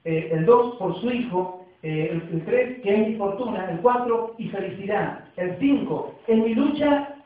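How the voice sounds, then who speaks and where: A man's voice: sits high, lively intonation, a little slow. A man with an Argentine accent preaching a sermon as a pastor, talking conversationally with frequent tag questions, recorded in a church. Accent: Argentine Spanish. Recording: echoey, distant, phone-like church recording.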